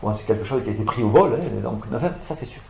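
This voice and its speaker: A male lecturer works through an academic argument, pausing on fillers and correcting himself as he goes. His voice sits at a middle pitch. The sound is roomy and echoing, as in a lecture room. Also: lively intonation, gravelly, warm tone, slight background noise. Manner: hesitant, many fillers and self-corrections, explanatory.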